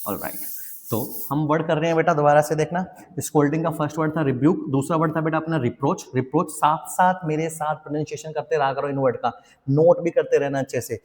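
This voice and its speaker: A young adult man with an Indian English accent and a fairly high voice teaches vocabulary, addressing his students fondly and having them repeat each word. He slows down deliberately for English example sentences. His voice rings with the long reverb of a large hall. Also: fairly even intonation, a little mellow. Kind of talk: classroom vocabulary lesson.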